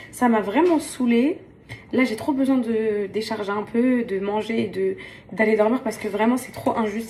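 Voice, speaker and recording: A woman's voice: on the high side, darkish tone, a little hiss or hum. A tired young woman in casual vlog chat, venting and exasperated, often repeating herself. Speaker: vlogger. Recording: household clatter behind.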